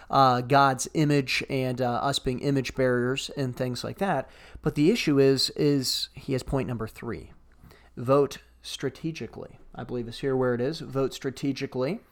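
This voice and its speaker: A man's voice: mid-range voice, normal speed, a bit bright. Wry man co-hosting a podcast. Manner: wry, reads passages aloud and comments on them. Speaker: podcast co-host. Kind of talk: casual podcast discussion.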